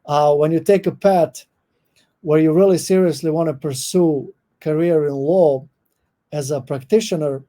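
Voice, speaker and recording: A middle-aged Croatian man speaks in a dark, mellow voice, pitched a little high. He answers interview questions thoughtfully, often pausing with "um" and restarting his sentences. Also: steady tone. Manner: thoughtful, with many fillers and restarts. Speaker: guest professor. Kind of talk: podcast interview.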